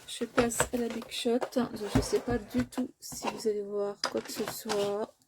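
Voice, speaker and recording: A woman's voice: on the high side, level tone, unhurried, heavy background noise. Hesitant French-speaking woman demonstrating crafts. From France. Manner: hesitant, many filler sounds, self-correcting. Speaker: crafting video host.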